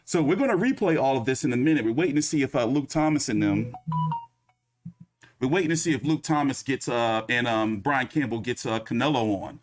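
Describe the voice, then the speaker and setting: A man's voice: mid-range voice, expressive, brisk, faint music behind. A man hosting a loose, rambling recap of a boxing press conference, cursing casually as he talks. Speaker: boxing commentary host.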